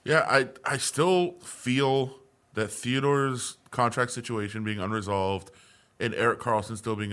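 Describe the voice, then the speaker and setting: A man's voice: fairly low pitch, fairly bright tone. A man co-hosting a sports podcast, talking in a casual, conversational way with frequent restarts. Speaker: podcast co-host.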